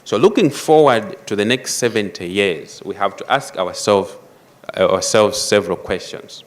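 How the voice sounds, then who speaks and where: A man delivers a formal conference address in a somewhat low voice. He speaks in a measured way, pausing to stress key phrases with deliberate emphasis. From Malawi. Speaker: panel speaker.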